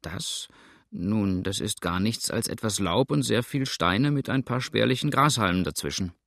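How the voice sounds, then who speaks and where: A man's voice: on the low side, animated, moderate pace, gravelly, fairly bright tone, no echo, studio quality. A man voicing a doubtful, puzzled male companion in an audiobook, asking skeptical questions. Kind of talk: audiobook character reading.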